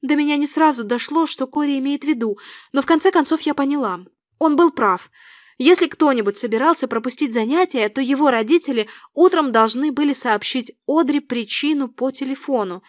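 Woman, audiobook narrator, first-person storytelling, lively and expressive, high voice, dry close sound. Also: fairly quick, dry recording.

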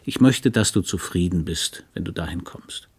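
An earnest middle-aged husband pleads softly and haltingly in a low voice, as a man reads him in an audiobook. He sounds devoted and sincere. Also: husky, exaggerated voice. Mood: gentle. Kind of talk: audiobook reading.

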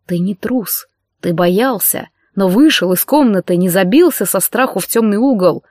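Male healer, read by a woman: calm, measured, soothing, words weighed carefully; dry audiobook. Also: mid-range voice, no echo, close to an everyday voice.

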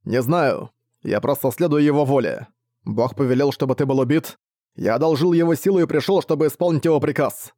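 List: preachy zealot assassin, male, voiced by a man, declaiming, pitch rising higher, slow emphatic delivery, dry sound. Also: warm tone, no room sound, natural voice. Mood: fanatical. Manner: declaiming, fanatical.

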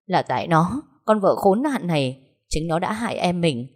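A woman's voice: fairly low pitch, very animated, normal speed. A woman doing a raging peasant sister. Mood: furious. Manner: shouting, threatening. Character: furious hot-tempered peasant woman, older sister.

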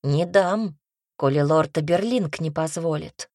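A woman doing a gruff, scolding old housekeeper. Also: low voice, unhurried, darkish tone, dry recording, clean studio sound. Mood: stern. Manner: blunt, scolding. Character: gruff older female castle housekeeper.

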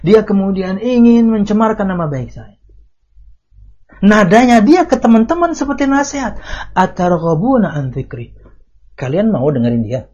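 A man teaching a religious study lecture. He reads classical Arabic text, then explains it in lively casual talk with rhetorical questions. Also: sits high. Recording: dull lo-fi audio recording.

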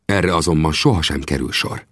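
A man's voice: extremely low pitch, fairly bright tone, no echo, clean studio sound. A man voicing a proud, earnest young male Apache chief in an audiobook, speaking solemnly and with reproach. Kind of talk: audiobook character voice.

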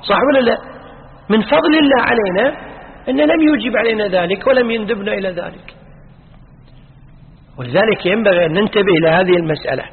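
A high-pitched man explains religious rulings to listeners, asking rhetorical questions and growing animated as he goes. The audio is thin and phone-like, with a long hall reverb trailing his words. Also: fast talker, long pauses. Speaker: Islamic scholar answering questions. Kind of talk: religious Q&A lesson.

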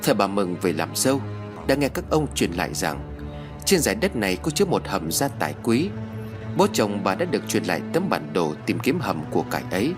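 A man narrating a ghost story audiobook in a lively storytelling voice. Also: on the low side.

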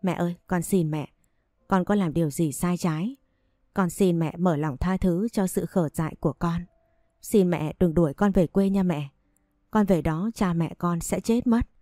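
A woman voicing a meek young wife in a storybook reading, begging and imploring her mother-in-law. The voice sits low and mellow, recorded dry and close. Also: moderate pace, dry recording, soft background music, natural voice. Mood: pleading. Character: young wife, pleading and humble.

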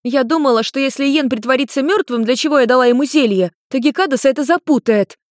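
A woman voicing an impulsive, affectionate young woman in a storybook reading, excitable and sulky. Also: high-pitched, fast, no room sound, studio quality, voice pushed up, lightly acted. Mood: defensive.

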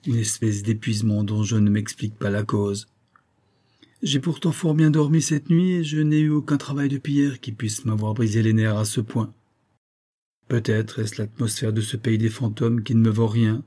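A man reads a story aloud in the first person. His voice is husky, mellow and dark, and his delivery is measured and reflective. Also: lowish voice, fairly even intonation. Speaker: narrator.

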